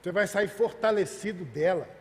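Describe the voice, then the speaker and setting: High-voiced pastor preaching in a reverberant hall. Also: male voice, expressive, moderate pace. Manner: storytelling, earnest, with rhetorical questions. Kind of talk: sermon.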